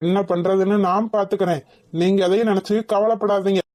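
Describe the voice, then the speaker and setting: A woman's voice: medium pitch, fairly even intonation, fairly quick, dark tone, lightly acted. A woman voicing a scheming, boastful, wealthy middle-aged father in a cartoon. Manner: boastful, dismissive. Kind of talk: animated cartoon voice acting.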